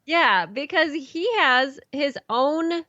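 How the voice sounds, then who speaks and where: Guesting on a casual podcast, a classical musician who also hosts her own show chats in a rambling way, full of restarts and ums. Her voice sits high and sounds animated, pushed and bright, at a slow pace. There's no echo, but the audio is dull.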